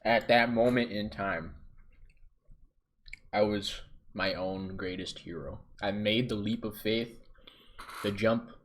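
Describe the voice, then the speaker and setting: A man telling a comic tale in a boastful, exaggerated way, swinging between loud bursts and mutters. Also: fairly low pitch, steady tone, takes it slowly, pauses often. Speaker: vlogger. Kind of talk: comedic storytelling.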